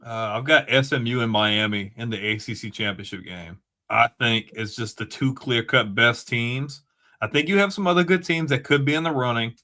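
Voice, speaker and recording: A man co-hosting a college football talk show. His voice sits at a middle pitch, and he talks loosely, with jokes and quick laughs. He trash-talks rival fans. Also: bright, forceful tone. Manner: joking, laughs often, teasing. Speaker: podcast co-host. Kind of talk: casual sports chat.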